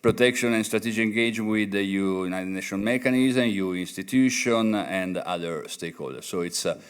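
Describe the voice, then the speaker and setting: A man moderating a university event, introducing a guest speaker haltingly with many hesitations. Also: fairly low pitch, clear, resonant tone.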